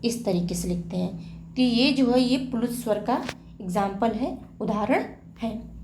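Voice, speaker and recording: Slow, mellow-voiced woman teaching grammar. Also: a little high. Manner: asks questions and answers them herself, repeats terms. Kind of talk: slow classroom explanation. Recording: echoey room with faint hiss.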